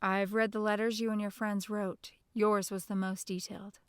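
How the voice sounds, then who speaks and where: A woman's voice: mid-range voice, little pitch movement, clear, resonant tone, no echo, studio quality, natural voice. A woman voicing a serious male federal agent. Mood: questioning. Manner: measured, formal questioning.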